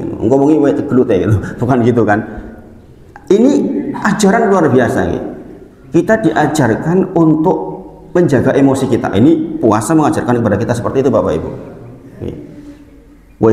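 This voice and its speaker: Javanese-accented male preacher, middle-aged, animated storyteller, long reverb in a hall. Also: medium pitch, fairly quick. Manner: lively storytelling, acts out quoted voices, chuckles. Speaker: Islamic preacher. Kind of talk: sermon.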